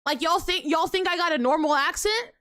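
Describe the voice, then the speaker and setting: A woman's voice: very high voice, fairly quick, pushed and bright, dry recording. A young American woman with a slight Texan accent, ranting indignantly and animatedly to her livestream chat. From United States.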